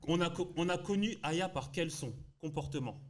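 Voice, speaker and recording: A man from France, a podcast guest, telling a story in lively, slangy casual chat. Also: sits high, moderate pace.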